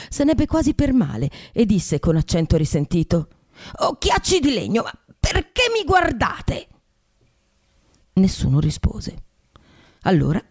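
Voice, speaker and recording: A woman podcast host reading a classic tale aloud in a measured, expressive way. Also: low voice.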